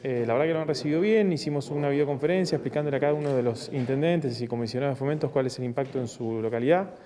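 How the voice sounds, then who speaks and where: Male official, mid-range pitch, dark mellow tone, halting interview answers, reverberant recording. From Argentina. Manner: hesitant, measured, official explaining. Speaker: provincial government official. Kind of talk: interview about public works.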